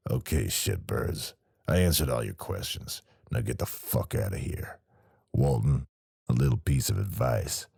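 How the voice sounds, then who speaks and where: A man's voice: a bass voice, sing-song, measured pace, creaky, a little mellow, breathy edge, dry recording, clean studio sound, pitched below the performer's own voice, heavily acted. A man voicing a crude, menacing male small-time criminal in an audiobook, swearing and sneering. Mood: threatening. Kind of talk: audiobook character voice.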